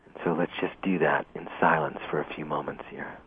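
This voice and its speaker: A man leading a guided meditation in a slow, gentle, soothing way, heard over a narrow radio broadcast. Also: rumbling low, fairly even intonation, slightly rough. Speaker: meditation teacher.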